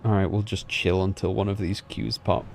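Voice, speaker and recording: A man streaming games, chatting and thinking aloud in a relaxed way. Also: sits low, moderate pace, creaky, faint music behind. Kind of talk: casual reaction livestream.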